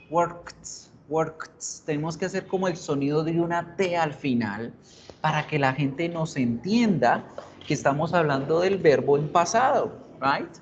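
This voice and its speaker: A man teaching English in a live online class, his voice a little higher than most men's. He switches between Spanish and English, quizzes his students and repeats example words. The sound is dull and lo-fi, with a faint hiss behind it.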